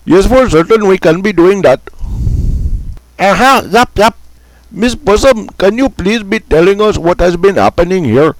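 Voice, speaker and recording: A man's voice: high-pitched, lively intonation, moderate pace, rough recording. A man playing a field correspondent who talks in a stiff, oddly formal way.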